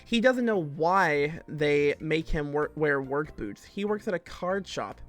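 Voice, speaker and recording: A man's voice: fairly high pitch, expressive, measured pace, a bit bright, soft background music. A man streaming himself as he reads fan fiction aloud, breaking off for joking asides and laughing often.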